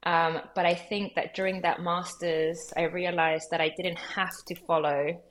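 A woman in her thirties, born in Peru and raised in Los Angeles and London, talking as a guest in a relaxed interview, chatty with lots of fillers and easy laughs. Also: fairly low pitch, a little slow, slight background noise. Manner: chatty, many fillers and likes, laughs easily. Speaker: guest curator.

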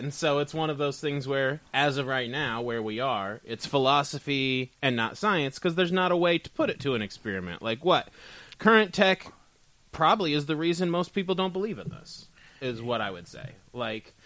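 A man's voice: medium pitch, expressive, moderate pace, a bit bright, dry recording. A man co-hosting a podcast, chatting casually with jokes and plenty of swearing. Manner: joking, profane, rambling. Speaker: podcast co-host. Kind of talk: casual comedic chat.

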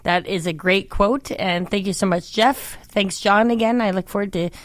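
A woman's voice: medium pitch, moderate pace, no echo. A woman speaking as a podcast co-host in an advisory style. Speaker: podcast co-host, financial planner.

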